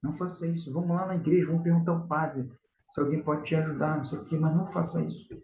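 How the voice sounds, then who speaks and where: A man's voice: on the high side, steady tone, quick pace, vocal fry, a little mellow. A man with a Carioca accent teaching a religious class on prayer, earnest and exhorting as he addresses his listeners as brothers. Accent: Carioca (Rio de Janeiro). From Rio de Janeiro, Brazil. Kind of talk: religious lesson. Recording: echoey room, slightly dull sound.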